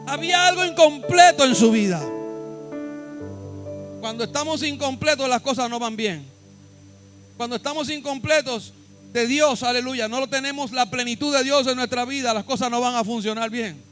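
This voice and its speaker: A man's voice: very high-pitched, a bit bright. A Puerto Rican pastor preaching a sermon in church, emphatic, repeating his points and calling on the congregation to respond. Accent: Puerto Rican Spanish.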